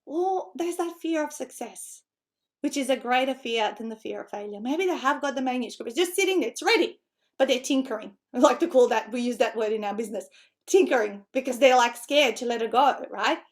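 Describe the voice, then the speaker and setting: High and fairly quick, this woman's voice belongs to a middle-aged book-writing coach from North Macedonia running an online seminar with lots of energy. Macedonian is her native language, and it colors her Australian accent. She's chatty, laughing often and tossing in tag questions.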